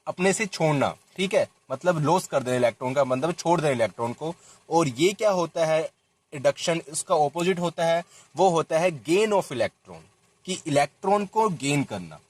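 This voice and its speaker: A young man teaching a chemistry lesson, talking straight to his students and stopping to correct himself as he writes formulas. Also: fairly high pitch. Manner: addresses students directly, repeats and self-corrects while writing. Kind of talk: chalk-talk lesson explaining a reaction.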